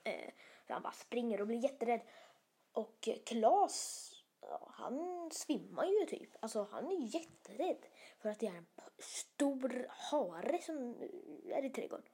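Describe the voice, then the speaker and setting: A woman telling an improvised bedtime story in a soft, often whispered voice, casual and hesitant with many fillers and restarts. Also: fairly high pitch, very animated, breathy edge.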